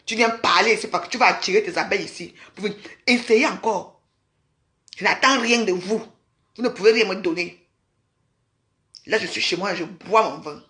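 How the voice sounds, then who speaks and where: Woman, bright edge, scornful scolding rant to camera. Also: medium pitch. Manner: scolding, mocking, repeats insults. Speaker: vlogger. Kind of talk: angry rant at commenters.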